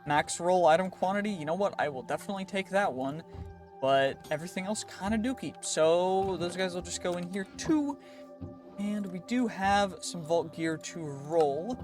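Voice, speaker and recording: Upbeat man narrating his gameplay. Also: on the high side. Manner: chatty, thinks aloud, quick reactions. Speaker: gaming channel host. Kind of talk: casual let's-play commentary. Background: clear background music.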